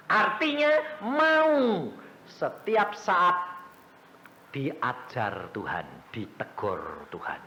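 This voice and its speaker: A male evangelist preaches slowly and deliberately. His voice leaps up high and drops low all through the sermon, as he swings between loud exclamations and soft asides. The sound is roomy and echoey, like a hall, with faint ambience behind. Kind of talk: storytelling sermon.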